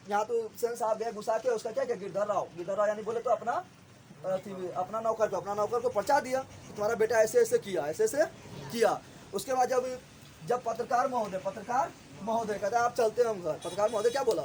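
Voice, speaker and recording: Teacher guy, high voice, rattles off questions at the class, faint hiss behind. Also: darkish tone. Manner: asks the class quick questions and answers them himself. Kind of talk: explaining a story chapter to a class.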